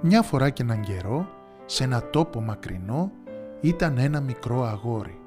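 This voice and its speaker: Calm man telling a fairy tale. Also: mid-range voice, faint music behind. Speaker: storyteller, podcast host. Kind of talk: scripted storybook narration.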